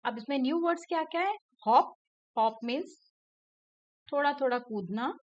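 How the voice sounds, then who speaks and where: At a moderate pace and with a high voice, a woman teacher patiently goes over a first-grade English lesson for young pupils, using Hindi to explain and repeating English words and letter sounds. There's no echo, and the recording is slightly dull and lo-fi.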